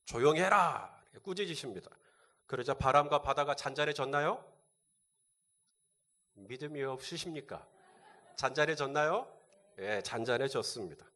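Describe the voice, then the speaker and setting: Male pastor, somewhat high voice, preaching a sermon, asks the congregation questions and answers them himself. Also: pushed and bright.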